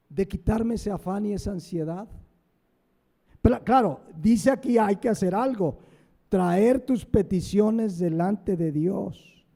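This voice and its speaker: A man's voice: high-pitched, dark tone. A man preaching a sermon as pastor. He asks the congregation questions and answers them himself, stressing words one by one.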